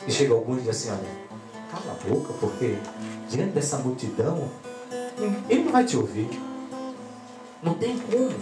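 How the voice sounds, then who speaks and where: A man preaching a sermon, animated, swinging between loud exclamations and quiet asides. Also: mid-range voice, brisk. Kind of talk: pentecostal sermon. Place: church hall. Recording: echoey church with guitar music. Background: guitar playing.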